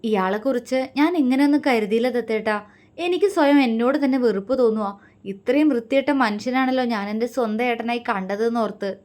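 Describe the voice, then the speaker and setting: A woman's voice: a little high, fast talker, a little mellow, lightly acted. A woman voicing a hurt young woman who answers with scorn. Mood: bitter. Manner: bitter and scornful. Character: hurt young woman, defiant through tears.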